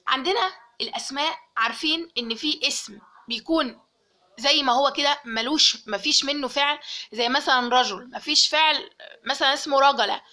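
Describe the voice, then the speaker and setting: A woman's voice: sits high, a little fast, sharp tone. A young woman with an Egyptian Arabic accent teaching a grammar lesson, explaining step by step and checking in with the listener often.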